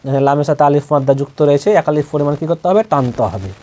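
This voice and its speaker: A man with a Bangladeshi accent teaching Quran reading, spelling out Arabic letters and reciting them in a drawn-out chant, with quick explanations in between. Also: fairly high pitch, a little mellow.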